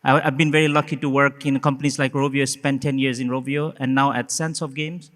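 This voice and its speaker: A man's voice: mid-range voice, flat delivery, brisk, fairly bright tone. Chatty man from Nepal in a hall. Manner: chatty, self-deprecating humor. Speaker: panelist. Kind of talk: self-introduction on a panel. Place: conference hall. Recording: reverberant conference hall.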